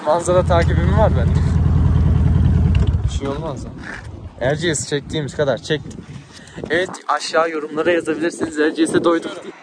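Man, young adult, casual motorcycle vlogger, slightly high voice, outdoors, heavy wind and traffic noise. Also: fairly even intonation, fairly quick, pauses often. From Kayseri region, Turkey. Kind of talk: casual outdoor vlog chat. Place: outdoors by a mountain road.

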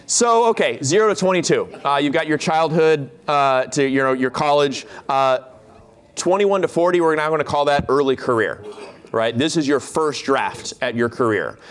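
A man's voice: a little high, animated, moderate pace, clear, resonant tone. Man giving a joking keynote. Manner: chatty and jokey, many fillers and restarts. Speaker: keynote speaker, instructor. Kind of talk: lecture keynote to alumni. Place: large lecture hall stage.

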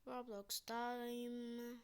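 A woman's voice: fairly high pitch, little pitch movement, drawn-out words, noisy background. A young woman chatting casually to viewers while she plays a game, muttering to herself between lines. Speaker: gamer vlogger. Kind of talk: casual gameplay commentary.

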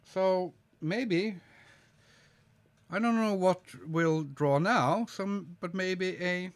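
This forty-something artist has a high voice and a slight cold that makes him sniffle as he streams himself drawing at his desk indoors at home. He chats with viewers in a slow, musing, hesitant way, reading their comments aloud amid plenty of ums and uhs.

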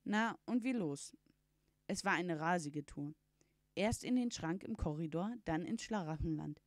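A woman's voice: on the low side, a little mellow, no echo, clean studio sound, close to an everyday voice. A woman reading out a schoolboy's essay in a plain, matter-of-fact way, from a storybook.

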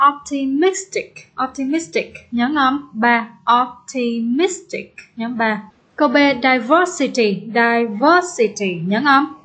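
A woman teacher explaining an exam step by step, repeating example words slowly and patiently. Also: on the high side, fairly bright tone. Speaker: English teacher. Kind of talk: exam-prep lesson.

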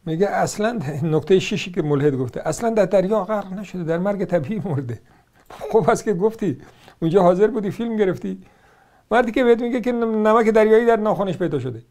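This is a man with an Iranian Persian accent delivering argumentative religious commentary. His voice sits notably high, and he moves through his points with sarcasm and combative rhetorical questions. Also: expressive, a little mellow.

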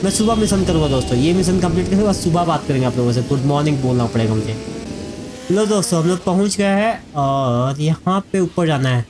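Chatty high-voiced man narrating gameplay. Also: lively intonation, brisk. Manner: chatty, addresses viewers as friends. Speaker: gaming YouTuber. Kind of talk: casual let's-play commentary.

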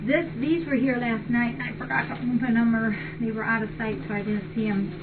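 Speaking briskly in a slightly high voice with fairly even intonation, an older woman hosts a cat rescue shelter's live webcam stream, reading items aloud and chatting with appreciation. Her voice reaches a far-off fixed webcam in a large indoor cat room, which makes it muffled and noisy.

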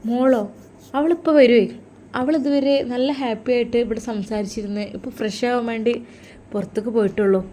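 A woman's voice: a little high, steady tone, brisk, dark tone, a little hiss or hum, lightly acted. A woman voicing an anxious, devout mother in a storybook tale, fretful and imploring. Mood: reassuring.

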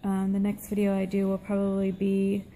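A middle-aged woman talks casually into her phone, tired and weak after surgery. Her voice is very soft and mellow, with a flat melody and frequent vocal fry. There is faint room noise. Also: mid-range voice, moderate pace. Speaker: vlogger. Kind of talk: casual update to camera. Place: small room at home, seated indoors. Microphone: phone at arm's length.

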